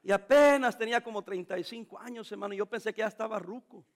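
A man's voice: sits high, quick pace. A middle-aged man, preaching a sermon in a joking, storytelling way. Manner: jokey, storytelling preacher, playful. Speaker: pastor.

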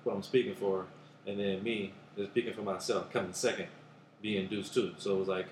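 A man with a Bay Area accent, a rapper talking casually in an interview, laid-back and rambling, often trailing off quietly. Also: on the low side, little pitch movement, brisk, echoey room, slight background noise. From Oakland, California. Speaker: guest rapper.

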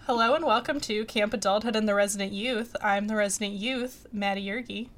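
A woman's voice: medium pitch, brisk, over music. A woman co-hosting a podcast in casual, conversational chat. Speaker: podcast co-host.

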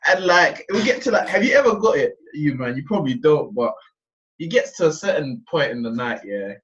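A man's voice: on the high side, animated, brisk, a bit bright, far from the mic, highs cut off. A young man with a London roadman accent telling anecdotes in casual slangy banter.

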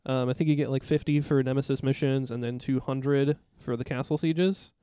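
A man's voice: medium pitch, steady tone, moderate pace, dark tone, smooth, no echo, clean studio sound. A man co-hosting a casual gaming podcast, rambling with many fillers and plenty of enthusiasm. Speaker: podcast co-host.

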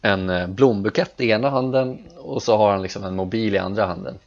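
A man's voice: on the low side, steady tone, creaky. A man chatting casually on a podcast, swearing freely and telling a story with plenty of restarts. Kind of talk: casual chat. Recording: dull lo-fi audio.

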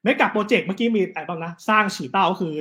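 A man, telling history stories in a casual, animated chat. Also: sits high. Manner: animated, fast storytelling with quick asides. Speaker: guest storyteller on history.

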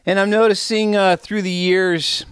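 A man's voice: high voice, little pitch movement, measured pace, clear, resonant tone, no echo, clean studio sound. A middle-aged man hosting a sports betting podcast, a bit out of breath and rambling off on tangents in casual solo chat. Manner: rambling, self-deprecating, goes off on tangents.

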